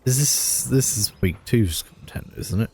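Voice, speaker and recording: A man's voice: on the low side, expressive, unhurried, darkish tone, slight background noise. A man hosting a gaming channel, giving laid-back, casual gameplay commentary with chuckles and mumbled asides.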